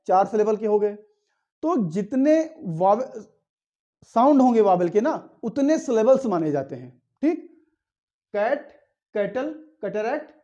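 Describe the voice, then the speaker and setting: Guy teaching grammar, mellow voice, asks then answers himself, kinda muffled recording. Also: high-pitched. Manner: explains step by step, asks and answers his own questions. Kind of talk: classroom grammar lesson.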